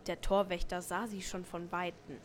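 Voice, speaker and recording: A woman's voice: lowish voice, flat delivery, normal speed, slight background noise. A woman narrating a children's story as a scripted audio tale. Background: faint music.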